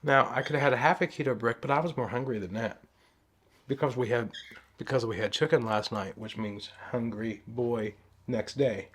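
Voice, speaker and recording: A man's voice: medium pitch, normal speed, a bit bright, husky. A man co-hosting a home cooking vlog, rambling and joking while he chats about food. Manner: jokey, rambling, laughs easily. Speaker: keto vlog co-host. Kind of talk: casual chat.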